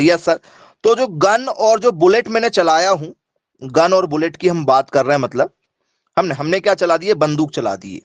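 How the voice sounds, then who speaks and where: With a high-pitched voice and no echo, a male teacher gives an online class lecture. He repeats his points and keeps quizzing the students, asking for yes or no answers.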